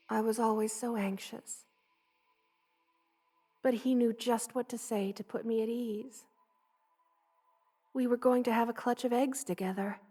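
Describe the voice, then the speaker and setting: In a soft, hushed ASMR roleplay, a woman plays a gentle, loving, motherly spider queen, tender and wistful and often drifting into a whisper. Her voice is on the high side.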